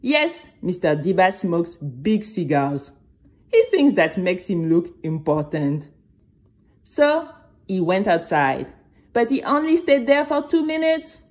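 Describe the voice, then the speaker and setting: A woman plays a nervous, dreamy girl narrating her own children's story in a fairly low voice. She speaks slowly and very animatedly, breaking off for dramatic, chatty asides to the listeners in this scripted first-person tale.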